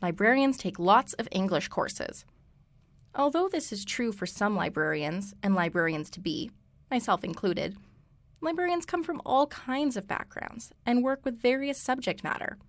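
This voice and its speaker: A young woman co-hosting a student radio show, reading a scripted segment in a brisk, wry way. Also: a little high, animated. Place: radio studio.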